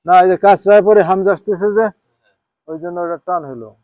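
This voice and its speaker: High-voiced man teaching a class. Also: steady tone, a little fast, a little mellow, dry recording. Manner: checks with students, asks "হ্যাঁ?" often; switches between Bengali and English, spells Arabic out. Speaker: Quran teacher. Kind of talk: informal class lesson.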